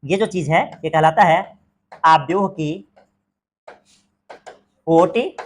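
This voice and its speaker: A man's voice: fairly high pitch, slow pace. A man teaching a math lesson, asking questions and answering them himself, repeating the key words. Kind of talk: exam-prep math lesson.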